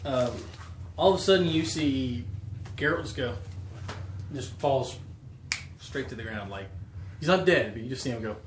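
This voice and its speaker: A man's voice: mid-range voice, expressive. A man narrating as game master at a tabletop game, rambling with many fillers. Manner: rambling, quick, full of fillers. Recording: echoey room, noisy, casual mic.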